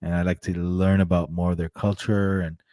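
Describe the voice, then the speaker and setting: A middle-aged man from Armenia, hosting a casual chat. His voice sits very low and sounds dark and mellow, with a loose, filler-heavy way of talking. The sound is dry and close, from a studio mic in a room at home. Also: normal speed, no echo. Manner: relaxed, chatty, many fillers and restarts. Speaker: podcast host interviewing a photographer. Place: indoor room with leather couch, on a video call. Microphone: studio microphone close to the mouth.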